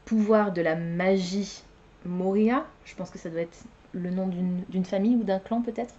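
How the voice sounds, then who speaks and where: A woman's voice: medium pitch, steady tone, normal speed, mellow, dull audio. A young woman chatting casually as a book vlogger, hesitant, with many fillers and self-corrections. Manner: laughs at her own slips. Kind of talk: casual chat.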